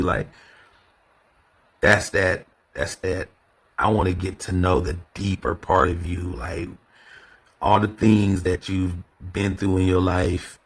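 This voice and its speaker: A man's voice: deep voice, creaky, breathy edge. A man hosting a solo podcast, talking in a loose, rambling way full of fillers and repeated words. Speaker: podcast host. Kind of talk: casual solo podcast monologue.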